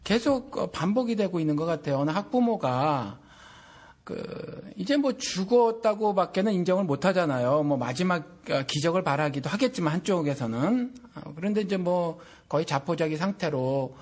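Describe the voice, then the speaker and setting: A man's voice: high voice, expressive, moderate pace, darkish tone. A Korean man, a pastor, talking earnestly and indignantly on a radio-style program, thinking aloud with fillers. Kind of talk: casual radio talk. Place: lives in Texas, USA.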